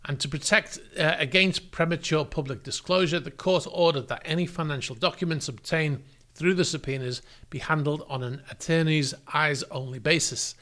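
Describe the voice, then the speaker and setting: A man's voice: on the high side, normal speed, bright, forceful tone. A man hosting a news show, reading out statements and adding wry, critical asides in a conversational way. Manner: conversational, reads statements and comments aloud. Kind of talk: news commentary.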